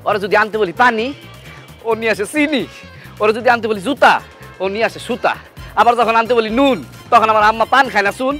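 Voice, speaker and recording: A loud, flustered young husband. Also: male voice, very high voice. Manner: talks very loudly with big hand gestures. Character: young husband of a deaf wife, loud and frantic. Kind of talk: comic drama acting.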